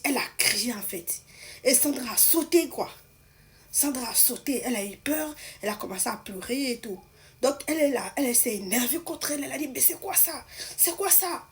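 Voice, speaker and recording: A woman with a fairly high voice narrates a dramatic story in an animated, casual manner. She keeps piling up repeated asides as she talks.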